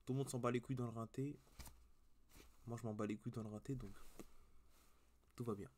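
Young male reaction host, casual and slangy, rambles and swears, average pitch, cheap mic. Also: steady tone, brisk, darkish tone. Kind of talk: casual chat to viewers. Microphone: cheap webcam mic.

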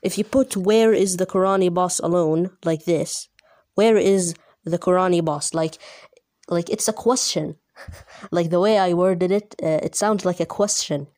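A woman giving casual, amused commentary as she reads her old childhood book aloud, often laughing at herself and pausing on fillers. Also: fairly low pitch, warm tone, no room sound, clean studio sound. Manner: amused, self-mocking, frequent laughter; hesitant, many fillers. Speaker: book reviewer.

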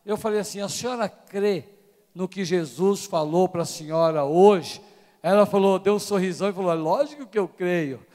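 High-voiced preacher in a reverberant church. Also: male voice, normal speed. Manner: storytelling preacher, swells from hushed to shouting. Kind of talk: sermon testimony. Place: large church hall. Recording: long church hall reverb.

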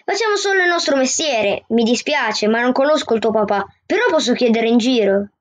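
A woman voicing a kind male traffic policeman who talks calmly and reassuringly. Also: fairly high pitch, brisk. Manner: calm, reassuring.

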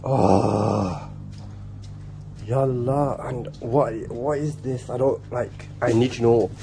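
Slow and fairly even, this young man's mid-range voice carries vocal fry and a dark tone. He's a twenty-something warehouse supervisor filming a casual work vlog, talking to himself, rambling and cursing quietly as he moves between warehouse and yard. The handheld phone, held at arm's length, picks up noisy audio and traffic.

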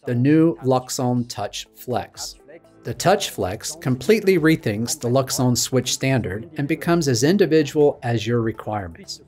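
A man's voice: mid-range voice, expressive, unhurried, a little mellow, soft background music. Man presenting a product keynote. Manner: polished, promotional delivery. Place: studio stage with dark backdrop.

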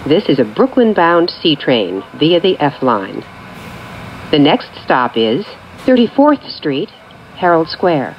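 Inside a subway train, a woman's scripted automated announcements play over the speakers in measured, formulaic phrases kept distinct from one another. Her low voice carries a lively lilt. The capture is slightly dulled with the high end cut off, and train ambience and vehicle noise surround it.

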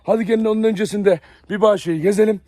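A man's voice: high-pitched, steady tone, quick pace, dark tone, no echo, studio quality. Chatty Turkish-speaking man in a dog yard. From Turkey. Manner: chatty, addresses viewers often. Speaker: dog breeder vlogger. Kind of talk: casual chat to camera. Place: outdoor dog yard with kennels.

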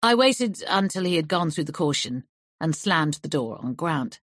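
A woman's voice: low-pitched, big pitch swings, moderate pace, no room sound, clean studio sound. A woman narrating a crime novel audiobook, shifting her voice lightly for the characters' lines. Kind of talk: scripted narration.

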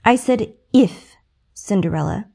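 A woman's voice: sits high, big pitch swings, a little slow, a little mellow. A woman voicing a cruel, mocking middle-aged stepmother in a bedtime story. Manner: sneering, mocking.

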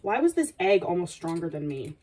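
A woman's voice: on the low side, sing-song, fairly quick, mellow, husky, pitched below the performer's own voice. A young woman playing a playful, sassy princess hosting a comedic baking tutorial, with dry asides and a mock-dainty manner. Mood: playful, flustered. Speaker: baking video host. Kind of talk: comedic in-character cooking tutorial. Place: small home apartment kitchen, indoors. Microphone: camera a few feet away. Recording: distant kitchen camera microphone.

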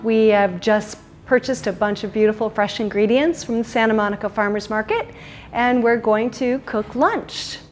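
A woman's voice: a little high, moderate pace, faint music behind. A woman chef speaking plainly and matter-of-factly in a documentary interview.

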